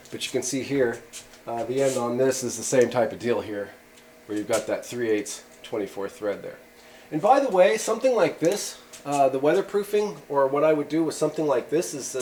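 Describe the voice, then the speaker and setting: With a medium-pitched, somewhat dark voice and a faint hiss or hum behind him, a man demonstrates radio antennas for his channel. It's a loose, meandering workshop-bench tutorial peppered with "uh" and "you know."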